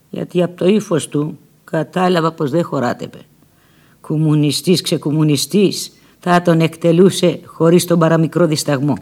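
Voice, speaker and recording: A woman narrating a first-person novel aloud in an expressive, dramatic storytelling manner. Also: low voice. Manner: expressive, dramatic storytelling with lively shifts in loudness. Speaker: audiobook narrator.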